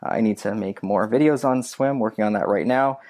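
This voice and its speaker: A man's voice: lowish voice, normal speed, darkish tone. A man talking as a podcast guest in a casual, rambling way, with many restarts and fillers. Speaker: guest, YouTube creator.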